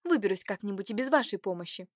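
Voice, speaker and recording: A woman voicing a naive, cheerful eighteen-year-old noblewoman with a bright, eager manner. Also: medium pitch, animated, quick pace, no room sound, studio quality, natural voice. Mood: pleading, indignant.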